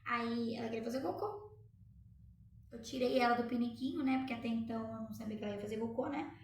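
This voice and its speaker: A woman's voice: on the high side, fairly even intonation, fast, distant mic, a little hiss or hum. A mother, chatting at home to her viewers and telling a story, often asking them to react. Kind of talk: casual chat to viewers. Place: room at home. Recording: very echoey room, from off-mic.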